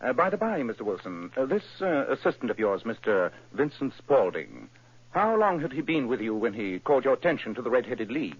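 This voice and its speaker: An actor playing Sherlock Holmes, a sharp, cool detective, in an old radio drama, with crisp, probing questions and thoughtful hums. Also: male voice, medium pitch, very animated, fairly quick. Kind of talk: 1940s radio acting. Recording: muffled old radio broadcast with hiss.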